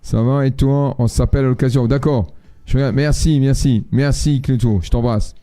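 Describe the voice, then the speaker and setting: A man's voice: medium pitch, steady tone, normal speed, dark tone, soft background music. A man hosting a live astrology stream, chatting casually with viewers and reading their messages in a blunt, slangy, joking way.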